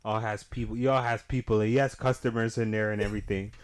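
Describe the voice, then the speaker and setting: A man's voice: on the low side, fairly even intonation, fast. A young man hosting a casual chat, speaking in a hesitant, rambling way with heavy street slang. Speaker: podcast host.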